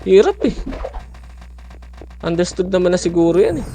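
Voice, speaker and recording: A man calling shots in live game voice chat, rattling off quick repeated commands and swearing. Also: high-pitched, lively intonation, warm tone, soft background music. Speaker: guild shotcaller.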